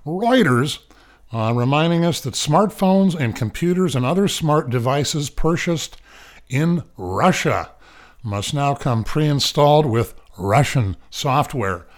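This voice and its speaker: A man's voice: a little high, lively intonation, slow. Male radio host, casual news rundown from a studio, loose and jokey, lots of fillers. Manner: rambling, wisecracking asides.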